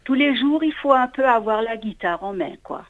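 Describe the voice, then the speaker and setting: High-voiced woman on a muffled phone line. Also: lively intonation, normal speed. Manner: hesitant, trailing off with filler words. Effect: low-quality phone line. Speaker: radio guest calling in. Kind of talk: casual phone interview. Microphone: telephone.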